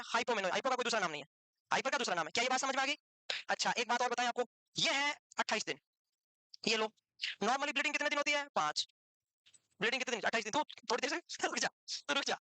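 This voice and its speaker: A woman's voice: sits high, pushed and bright, no echo. A woman teaching a medical class, firing questions at her students over and over and mixing in English medical terms. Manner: quizzes the class with repeated questions; switches between Hindi and English medical terms. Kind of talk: classroom lecture.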